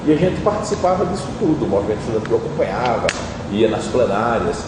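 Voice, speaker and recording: A middle-aged man, recalling past events in a measured, reflective interview. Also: mid-range voice, big pitch swings. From Brazil. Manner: measured, reflective, with frequent tag questions. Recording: distant, echoey, noisy room.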